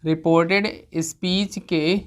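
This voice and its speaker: A woman teaches an exam-prep grammar lesson, explaining step by step with frequent rhetorical questions and check-ins. Her voice is on the low side with fairly even intonation at a slow pace, and she clears her throat now and then.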